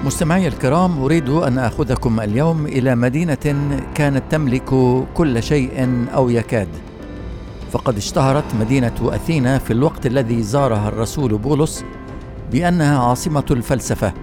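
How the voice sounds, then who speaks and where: A man's voice: medium pitch, over music. Man narrating a radio Bible study. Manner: measured, formal storytelling delivery. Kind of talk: scripted Bible study broadcast with storytelling.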